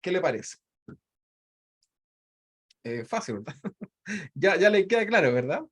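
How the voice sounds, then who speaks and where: High-voiced man teaching a Bible lesson. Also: sing-song, unhurried, fairly bright tone. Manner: reads scripture aloud and breaks in with asides; ends phrases with a questioning tag. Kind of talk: online Bible study lesson.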